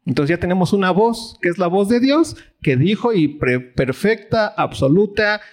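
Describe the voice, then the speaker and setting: This man speaks at a normal speed in an expressive voice, carrying a Mexican Spanish accent as he teaches a Bible study. His sermon style is casual and conversational, with many questions to the audience and dramatized quotations delivered with big swings in pitch.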